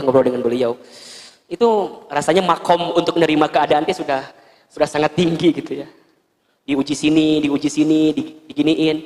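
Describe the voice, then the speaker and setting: A male Islamic preacher with a Sundanese accent, giving a lively sermon to women and acting out scenes with gentle humor. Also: high voice. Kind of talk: sermon to a women's study group. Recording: long hall reverb.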